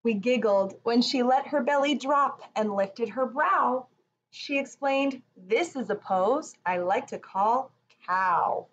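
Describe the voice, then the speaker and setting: A woman with a fairly high voice speaks slowly, and the sound is lo-fi. As a children's yoga teacher, she reads a picture book aloud with expression and gives little ones easy, encouraging instructions. The recording has room echo, a distant mic and background noise.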